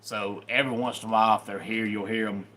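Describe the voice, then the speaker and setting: Talking fast with a steady, sharp tone, this lowish-voiced Southern man hosts a casual YouTube live-stream chat. A faint hiss or hum sits under his accented, folksy welcome as he calls out viewers by name.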